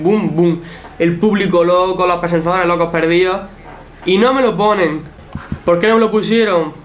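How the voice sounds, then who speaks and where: High-voiced young man telling a story. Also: a little hiss or hum. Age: young adult. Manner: animated, swears freely, acts out quotes. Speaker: athlete recounting his show run. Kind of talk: casual storytelling vlog commentary.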